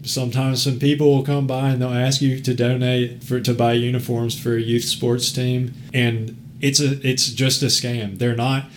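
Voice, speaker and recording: A man hosts a casual podcast chat, telling a story that wanders and restarts as he laughs his way through it. He swears freely, and his voice sits at an ordinary middle pitch for a man. A faint hiss runs quietly underneath. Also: level tone, normal speed, hardly any pauses. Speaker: podcast host.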